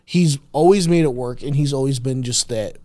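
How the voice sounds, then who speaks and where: A man's voice: mid-range voice, normal speed, warm tone, no echo, faint music behind. A man in his thirties, chatting eagerly on a podcast, rambling with many restarts. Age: 30s. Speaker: co-host. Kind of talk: casual podcast chat.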